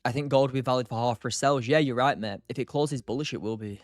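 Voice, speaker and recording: A man's voice: mid-range voice, fast, no echo, studio quality, faint music behind. A tired man hosting a live stream, thinking aloud and answering chat in a loose, casual way. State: tired, short on sleep. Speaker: streamer, day trader.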